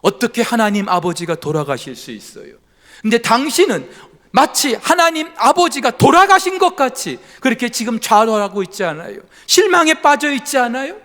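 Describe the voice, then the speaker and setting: A male pastor voicing a middle-aged woman in mourning who earnestly rebukes her husband, speaking in a pleading voice that climbs to high emphatic questions. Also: wildly swooping pitch, normal speed, vocal fry, fairly bright tone, full character voice. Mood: reproachful. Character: reformer's grieving wife, middle-aged woman, earnest and reproachful.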